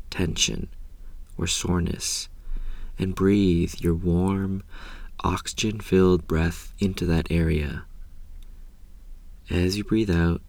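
A man guides a meditation in a very low, soft voice. His delivery is calm and unhurried, with long pauses and a gravelly creak as phrases trail off gently. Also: no echo. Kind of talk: slow guided meditation narration.

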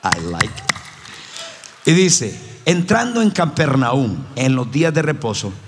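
A man's voice: mid-range voice, big pitch swings, slow, husky. A man preaching a sermon as pastor, emphatic and repeating his phrases. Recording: long hall reverb.

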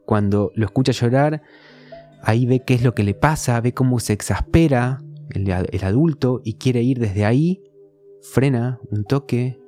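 A man's voice: medium pitch, unhurried, mellow, soft background music. A man with a Rioplatense Spanish accent, talking in a casual conversation and explaining his ideas through everyday examples.

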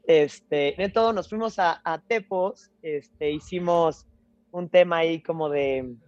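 A young woman with a Mexican accent telling a story in casual chat, slangy and animated, acting out bits of dialogue. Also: sits low, slow pace, no room sound, muffled recording, faint music behind.

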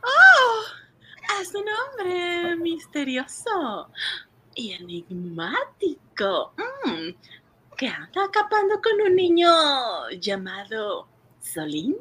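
Very high, theatrical young woman. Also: wildly swooping pitch, very slow, sharp tone, heavily acted. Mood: dreamy, admiring. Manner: breathless exclamations, theatrical. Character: emotional, lovestruck young woman, gushing and tearful. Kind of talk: old radio drama acting. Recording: noisy old radio serial recording.

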